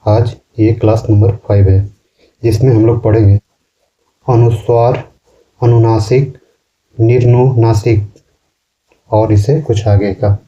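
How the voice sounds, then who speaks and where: A man teaching a class in slow, repetitive explanations, often ending sentences with a questioning tag. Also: on the low side, fairly even intonation, mellow, dull audio. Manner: explains slowly, repeats words and ends sentences with a questioning "ना". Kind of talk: classroom lecture.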